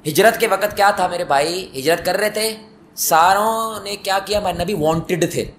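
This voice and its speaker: A man's voice: high-pitched, a bit bright, roomy sound, slight background noise. A man preaching a mosque sermon, telling stories and putting questions to his listeners, with emphatic rising peaks. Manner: storytelling, asks the audience questions, rises to emphatic peaks. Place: mosque hall.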